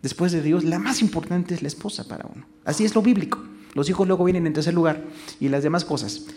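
A pastor with a Mexican Spanish accent delivers a sermon in a conversational way. He tosses out rhetorical questions and slips into short acted-out quotes. His voice sits a little high for a man. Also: fast, darkish tone, slight background noise.

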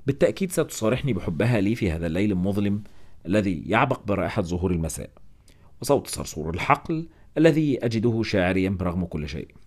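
A man narrating a first-person novel in an expressive storytelling manner, with wry asides. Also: fairly low pitch, fast. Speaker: audiobook narrator.

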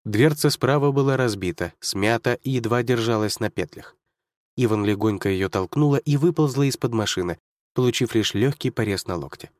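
A man's voice: mid-range voice, moderate pace, no echo. Male storyteller, dry close sound. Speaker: narrator. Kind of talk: scripted narration.

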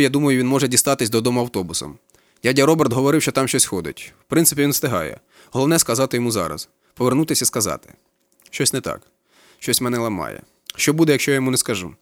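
A man narrating a literary audiobook, brooding and intense, with a rhythmic delivery. He reads at a quick clip, and the sound is close and dry with no room in it. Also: mid-range voice, no room sound. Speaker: audiobook reader.

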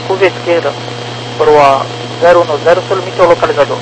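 A man's voice: on the high side, fairly even intonation, fast talker. A Brazilian man working as an air traffic controller, giving clipped instructions over an aircraft radio. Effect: aircraft radio transmission. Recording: noisy aviation radio with hum.

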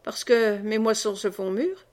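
A woman's voice: fairly high pitch, fairly even intonation, normal speed, close to an everyday voice. A woman reading the part of an embarrassed man-at-arms politely asking to leave. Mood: sheepish. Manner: polite, hesitant.

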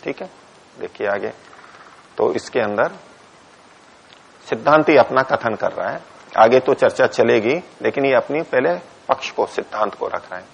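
This man speaks at a moderate pace with a husky, creaky, medium-pitched voice and frequent pauses. Teaching a class on a philosophy text, he recites Sanskrit lines, explains them one by one in Hindi, and tells students where to put punctuation, asking questions he then answers himself. The lecture recording is dull and lo-fi.

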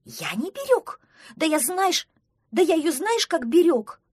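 A woman voicing a small, excitable young duckling who cries out in a shrill voice. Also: normal speed, vocal fry, dry recording, clean studio sound. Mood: wailing. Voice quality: shrill, crying out.

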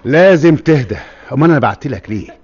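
An actor voices a calm police officer in an old radio play, firm and quick-spoken in Egyptian Arabic. The recording is dull and lo-fi. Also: male voice, mid-range voice, lightly acted. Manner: firm, calming. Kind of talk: classic radio drama.

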